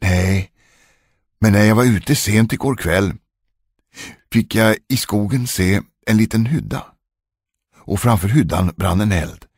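Brief: male narrator as plain messenger, low husky voice, matter-of-fact. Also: pauses often, no echo, clean studio sound. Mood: earnest.

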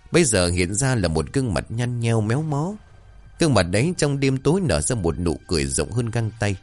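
A man narrating a scripted ghost story in a dramatic, suspenseful way. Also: deep voice.

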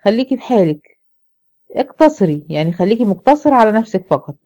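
A woman's voice: mid-range voice, sing-song, fast, mellow. An Egyptian woman teaching Quran recitation, explaining step by step and asking the class questions that she answers herself. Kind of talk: classroom lesson.

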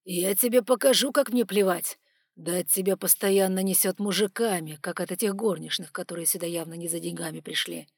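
A woman voicing a stern, controlled male dragon who speaks measured and through clenched teeth, in an audiobook. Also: fairly low pitch, slightly rough, no echo, clean studio sound. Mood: tense.

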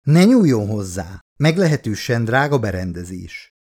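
A man's voice: lowish voice, big pitch swings, a little mellow. A man reading as Vickers, a haughty corporate boss woman. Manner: cool, superior, clipped. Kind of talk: audiobook character reading.

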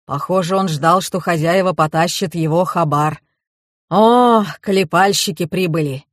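Woman doing a gruff, stout old colonel. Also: on the low side, no echo, studio quality. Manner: gruff, quick to anger. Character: grumpy stout older male police colonel.

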